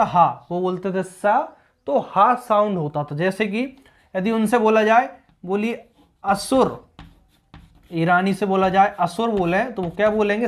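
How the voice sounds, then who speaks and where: A man teaching an exam-prep grammar lesson, patient and explanatory, repeating key points with many check-ins to the viewer. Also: high voice.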